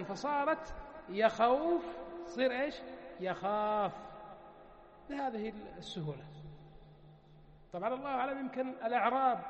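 A man with a strikingly high voice teaches grammar one-on-one, stopping again and again to quiz his student and stretching each word form out slowly. The sound is muffled and echoes through a room with a long, lingering tail. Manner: patient, quizzing with repeated questions, spelling out word forms slowly.

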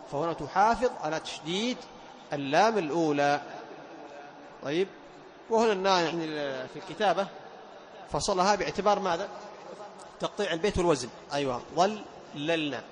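A man teaching Quran recitation rules, explaining each point, chanting verses slowly and drawn out, and quizzing his students. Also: on the high side. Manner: quizzes students and praises answers. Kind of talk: tajweed lesson with recited examples.

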